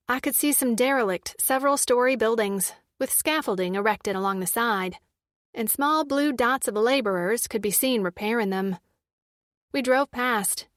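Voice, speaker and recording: A woman reads a first-person audiobook in a steady, measured manner. Her voice sits a little high and sounds dry and close to the mic. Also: no room sound. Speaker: audiobook narrator.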